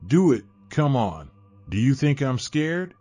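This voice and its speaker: A man's voice: mid-range voice, sing-song, measured pace, mellow, dry recording. A man voicing an aggressive, mocking young male passenger in a horror story. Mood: taunting. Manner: taunting, belligerent.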